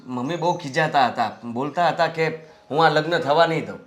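A man's voice: a little high, a little fast, natural voice. An actor playing an obedient young son who pleads earnestly and respectfully with his father. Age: young adult. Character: obedient young son working in family office.

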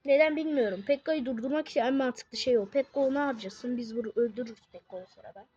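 A woman giving casual live commentary on her own game, excitable, swinging from muttering to shouting. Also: on the high side, quick pace, slightly rough, highs cut off.

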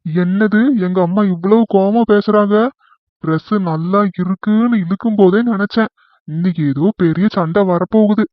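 A man voicing an easygoing young husband in a cartoon comedy, mild and pleading as he tries to calm things down. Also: high voice, normal speed, no echo, lightly acted. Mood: placating. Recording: tinny phone-like sound.

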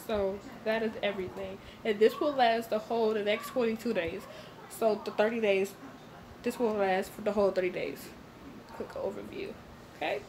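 Young woman vlogger rambling through her grocery haul, kinda high voice, phone cam in the kitchen, noisy background. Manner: casual, chatty, addresses viewers as y'all, lists items with many fillers. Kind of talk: casual grocery haul walkthrough. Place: home kitchen, indoors.

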